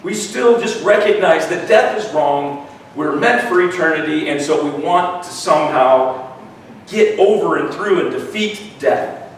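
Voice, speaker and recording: A man preaches conversationally in a weak, thin, rather high voice. He often doubles back on his words and tags points with a questioning "right?". The recording is very echoey, picked up from well away from the mic. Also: lively intonation, measured pace. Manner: repeats words and seeks agreement with "right?". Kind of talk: conversational sermon. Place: large echoey room, worship gathering. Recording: echoey room, distant mic, faint noise.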